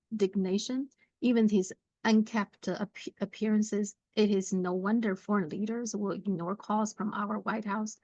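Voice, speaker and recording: A woman hosting her own channel, reading viewer comments aloud and then giving her commentary in a measured way, often pausing on "uh". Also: mid-range voice, darkish tone, no echo, muffled recording. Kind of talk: commentary on current affairs.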